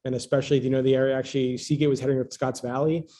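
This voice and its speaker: A man's voice: medium pitch, level tone, racing, dark tone. A man from Philadelphia on the US East Coast, a business development executive, talking through his career on a panel in an upbeat, driven way. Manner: upbeat, self-described type A. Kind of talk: panel interview answers.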